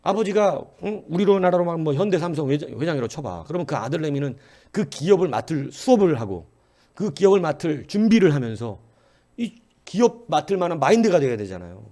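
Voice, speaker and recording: Lively, mellow-voiced male pastor. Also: a little high, fast. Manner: conversational, asks the congregation questions, acts out quoted voices. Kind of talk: church history lecture sermon.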